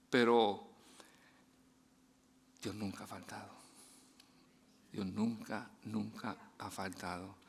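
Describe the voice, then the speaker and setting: A man's voice: vocal fry, a little hiss or hum. Chatty male preacher telling a story. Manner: chatty, laughing, many restarts; drops soft and low when preaching. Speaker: guest preacher. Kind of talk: storytelling sermon.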